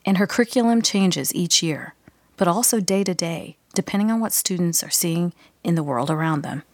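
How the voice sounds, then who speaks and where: A woman's voice: lowish voice, moderate pace, no echo, studio quality. A woman reporter reading scripted narration for a feature story.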